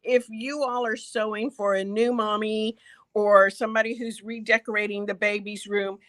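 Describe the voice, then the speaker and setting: A woman's voice: mid-range voice, little pitch movement, normal speed, a bit bright. A middle-aged woman hosting a quilt store's product show, chatting casually and gushing over fabrics with frequent giggles.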